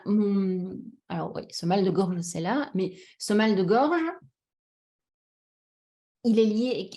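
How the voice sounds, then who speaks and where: A woman's voice: medium pitch, dark tone. A woman coach giving a talk on emotions in French, speaking directly to her audience with frequent fillers and restarts. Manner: hesitant, many restarts and fillers; addresses audience directly, checks understanding. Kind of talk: conference talk, personal examples.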